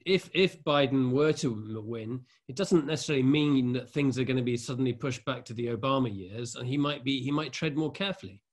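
A man moderating a discussion panel. He frames his questions in a loose, hedging way with a few fillers. His voice has a middle pitch. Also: brisk, few pauses.

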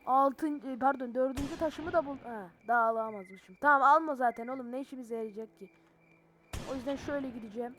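A woman giving excitable, slangy let's-play commentary on a horror game, yelling and cursing when startled. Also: high voice, a little fast, slight background noise. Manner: slangy banter with viewers. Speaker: gaming channel host.

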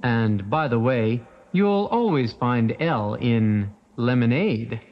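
A woman narrating a children's alphabet lesson in a slow, playful, expressive way. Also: rumbling low. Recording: dull lo-fi track with faint music.

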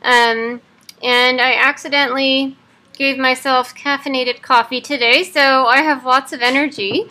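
A woman's voice: high-pitched, fairly even intonation, unhurried, pushed and bright. A woman in her thirties giving a casual personal video update, speaking through teeth clenched by a wired-shut jaw. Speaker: vlogger. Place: living room at home.

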